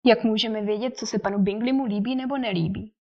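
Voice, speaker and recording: A woman voicing a fussy, excitable middle-aged mother with fretful nerves in an audiobook. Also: on the high side, close to an everyday voice. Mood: irritated. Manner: fretful, indignant, gushing. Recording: dull lo-fi recording.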